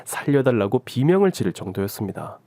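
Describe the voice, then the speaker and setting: A man's voice: mid-range voice, sing-song, fast talker, dark tone, dry recording. A man narrating a first-person story for a radio drama channel.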